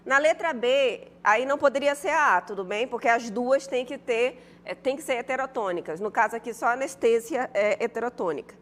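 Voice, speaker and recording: A woman's voice: a little high, fairly quick, few pauses, big-room sound. A woman from Brazil, a Spanish teacher, patiently going through an exercise in an online class, repeating herself and reading out student answers. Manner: patient, repetitive, reads student answers aloud.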